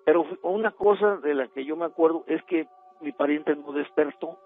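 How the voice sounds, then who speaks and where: With a voice on the high side and a normal pace, a middle-aged Mexican-accented caller tells a radio show a rambling, hesitant ghost story. The call comes through a tinny phone line with music playing.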